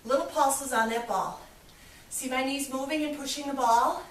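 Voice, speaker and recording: A woman's voice: high-pitched, normal speed, far from the mic, a little hiss or hum. Upbeat woman coaching a workout, echoey room. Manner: upbeat, encouraging, counting reps. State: a little out of breath. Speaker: fitness instructor. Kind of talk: guided workout instruction.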